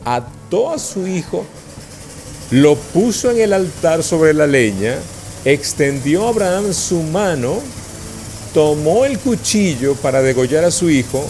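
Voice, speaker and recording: Lively animated male preacher. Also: on the high side, slight background noise. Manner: animated, asks the congregation questions. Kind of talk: sermon.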